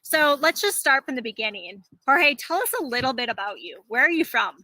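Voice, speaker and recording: A woman hosting an interview, asking friendly, measured questions. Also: high-pitched, sing-song, sharp tone, no room sound, poor audio. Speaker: host.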